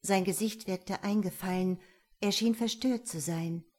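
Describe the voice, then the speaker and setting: A woman narrating an audiobook in a steady storytelling voice. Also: mid-range voice, measured pace. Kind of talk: scripted narration.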